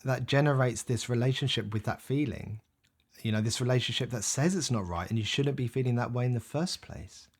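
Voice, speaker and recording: A man talks as a psychotherapist giving his reaction. His voice sits at an ordinary middle pitch. He is thoughtful and measured, thinking aloud as he goes. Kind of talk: reflective reaction commentary.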